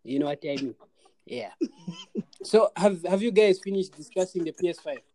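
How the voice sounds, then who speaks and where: A man's voice: high-pitched, lively intonation, normal speed, mellow, no echo. Rambling man on AirPods, dry sound. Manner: rambling, many restarts. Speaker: podcast co-host. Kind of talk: casual chat.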